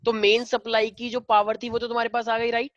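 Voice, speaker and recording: A man's voice: very high-pitched, completely flat delivery, a little fast, a bit bright, no echo, muffled recording. Hindi-teacher man quizzing his class. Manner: mixes Hindi and English, drills students with questions. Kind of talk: online class problem-solving.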